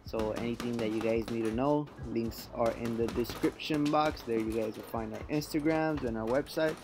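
A man's voice: mid-range voice, normal speed, background noise. Male workout-channel host, mid-range voice, casual and explanatory instructional narration for viewers. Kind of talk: instructional voice-over for a workout video.

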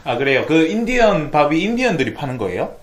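A man's voice: fairly high pitch, very animated, fast talker, a little hiss or hum. A man hosting an eating show, chatting and asking questions with his mouth full of food. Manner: chatty, asks questions, laughs easily. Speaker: mukbang show host. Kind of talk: casual chat while eating. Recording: roomy echo.

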